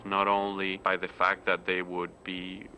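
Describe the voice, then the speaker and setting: A man's voice: low voice, completely flat delivery, unhurried, pushed and bright, a little hiss or hum, poor audio. A man giving an unscripted expert explanation in a documentary interview.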